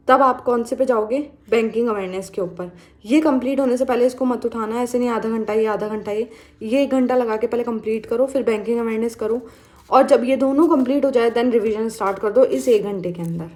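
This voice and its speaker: A woman's voice: on the high side, darkish tone. A young woman vlogger giving casual exam study advice, chatty and mixing English phrases into her talk.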